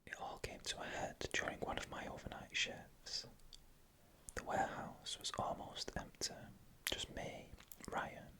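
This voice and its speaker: Hushed whispering ASMR horror storyteller. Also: a little slow. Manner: hushed, unvoiced whispering throughout. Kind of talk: whispered ASMR narration of scary stories.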